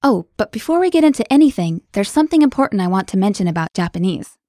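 A woman co-hosting a scripted language lesson podcast, explaining clearly and brightly. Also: mid-range voice, sing-song, quick pace, no room sound, clean studio sound.

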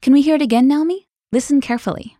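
Woman lesson co-host, upbeat and clear, slightly high voice, dry studio sound. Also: fast, warm tone, dry recording. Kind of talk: scripted podcast lesson.

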